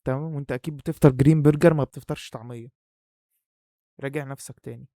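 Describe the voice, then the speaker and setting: A man's voice: medium pitch, steady tone, racing, mellow, no room sound, clean studio sound. A young man with an Egyptian accent, talking casually and playfully straight to the viewer in a vlog, his voice muffled by a face mask he is wearing. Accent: Egyptian Arabic. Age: young adult. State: muffled, breathing hard through a face mask. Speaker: YouTuber. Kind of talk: casual vlog talk to camera.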